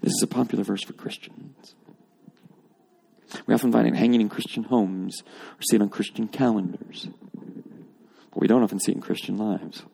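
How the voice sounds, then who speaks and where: A man's voice: fairly low pitch, steady tone, moderate pace, creaky, pauses often, dark tone, slightly rough. A man preaching a sermon to a congregation, explaining scripture and building emphasis on repeated phrases. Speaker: pastor. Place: church or auditorium with congregation.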